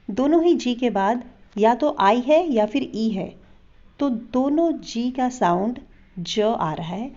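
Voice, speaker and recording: A woman's voice: a little high, a little mellow. A woman teaching a phonics lesson, carefully spelling words letter by letter and sounding them out. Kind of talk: slow explanatory phonics lesson. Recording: dull lo-fi recording.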